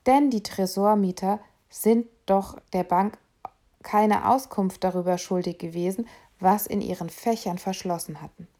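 A woman reading aloud, voicing two men on a tram chatting about a bank robbery in a quieter tone. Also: mid-range voice, steady tone, measured pace, lightly acted. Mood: gossipy. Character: two gossiping male tram passengers. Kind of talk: audiobook reading.

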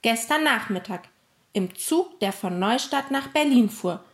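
A woman reading a storybook voices an angry boy who shouts and pleads, close to tears. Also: a little high, lively intonation, a little slow. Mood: indignant.

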